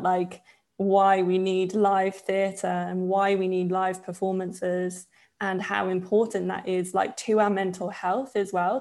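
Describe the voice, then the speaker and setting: A woman in her twenties from Poland, a podcast guest talking in a relaxed, chatty way with lots of fillers and frequent laughs. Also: on the low side, gravelly. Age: 20s. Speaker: podcast guest, yoga teacher. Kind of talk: casual interview chat.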